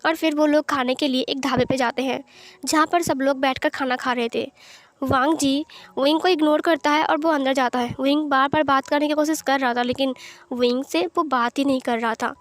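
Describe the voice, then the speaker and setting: A woman storyteller reads a fan fiction story aloud in an easy, conversational way. Her voice sits high. She moves the plot along plainly, without drama. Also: steady tone, normal speed.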